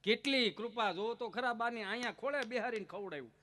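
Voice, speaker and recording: High, bright-voiced comic storyteller. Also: male voice, brisk. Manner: lively, teasing delivery with punchy repetition. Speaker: stage comedian. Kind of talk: comic folk storytelling on stage.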